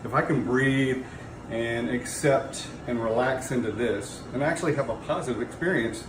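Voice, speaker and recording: A man's voice: medium pitch, moderate pace. A man speaking casually and conversationally about his own experience as an ice bath practitioner. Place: garage. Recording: echoey garage, clear background noise.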